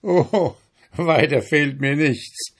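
Sneering, unshakable stranger in a fairy tale, raised voice, deliberate pace, read by a man. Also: mid-range voice, lively intonation. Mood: mocking. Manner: mocking, haggling, raised voice. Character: mocking, unbending male stranger bargaining.

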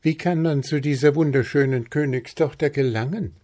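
Storybook bird prince, young male, eager and romantic, piping and high, read by a man. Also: moderate pace, dark tone, natural voice.

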